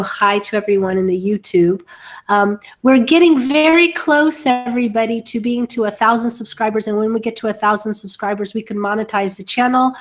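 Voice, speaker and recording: A middle-aged woman hosting a casual webinar over a video call, sounding a little short of breath from bronchitis. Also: mid-range voice. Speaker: webinar host. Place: home office, indoors, on a video call.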